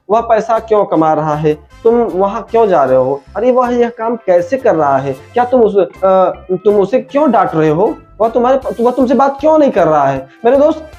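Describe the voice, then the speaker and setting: A man's voice: sits high, mellow. A man teaching an online English grammar lesson, repeating each rule and calling the listener his friend. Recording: dull lo-fi sound with faint music.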